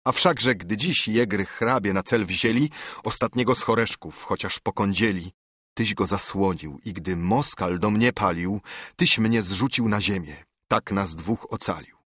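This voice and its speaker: A man's voice: lowish voice, a little slow, a bit bright, husky, dry recording, studio quality. A man voicing a stubborn older steward who speaks bluntly and sternly in a verse audiobook reading.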